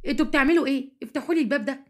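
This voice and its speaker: A woman's voice: high-pitched, animated, fast talker. A woman with an Egyptian accent voicing a locked-in young woman who is flustered and dismissive. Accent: Egyptian Arabic.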